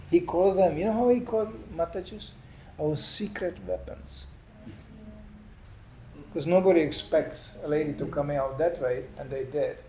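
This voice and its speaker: An older man preaching in a lively storytelling manner, often adding "you know". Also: a little high. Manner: lively anecdotal telling with "you know" asides. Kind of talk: storytelling sermon. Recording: echoey room, faint background noise.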